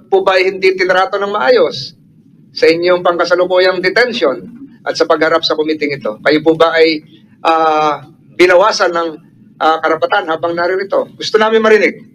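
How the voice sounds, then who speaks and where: A man's voice: high-pitched, steady tone, normal speed, a bit bright, a little hiss or hum, rough recording. A Filipino man chairing a hearing, asking formal questions politely with hesitant fillers. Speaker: committee chair. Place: senate hearing room.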